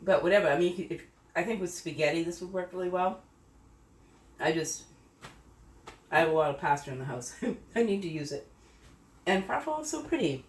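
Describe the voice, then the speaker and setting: A woman's voice: lowish voice, expressive, brisk, pauses often. A middle-aged woman hosting her own home cooking video, chatting casually and rambling as she tastes the food. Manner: chatty, rambling, self-correcting, tasting food as she talks. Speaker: home cooking channel host. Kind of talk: casual cooking demo chat. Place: home kitchen. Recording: echoey kitchen, voice from a distance.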